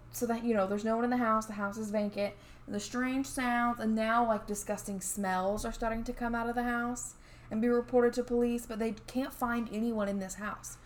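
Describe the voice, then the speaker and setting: A woman's voice: fairly high pitch, slight background noise. A woman co-hosting a podcast, telling a true story in casual chat with many fillers and restarts. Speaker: podcast co-host.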